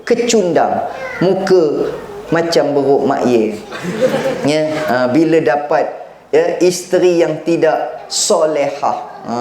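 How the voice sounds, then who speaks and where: A man's voice: fairly high pitch, a little mellow. A middle-aged man giving a humorous religious talk as a preacher. He jokes and keeps asking his listeners questions. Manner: jokey, asks the audience questions. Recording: echoey hall with faint background noise.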